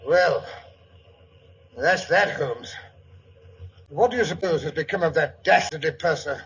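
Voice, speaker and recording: An actor playing a blustery, anxious doctor sidekick with a British accent, fretful and exclamatory, in old radio drama style. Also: male voice, a little high, a little slow, a bit bright, breathy edge, full character voice. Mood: relieved bluster. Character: blustery, grumbling, anxious male doctor, loyal detective's sidekick. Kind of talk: 1940s radio drama acting. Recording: dull distant old radio broadcast.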